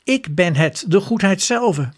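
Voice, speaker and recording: A man's voice: high-pitched, lively intonation, a little slow, slightly rough, heavily acted. A man voicing Goodness, a smug, self-satisfied male figure in a storybook tale.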